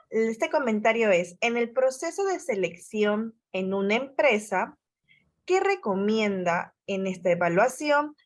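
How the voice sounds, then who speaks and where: Woman, moderator, formal and polite, reads questions, slow, fairly high voice. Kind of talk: reading audience questions.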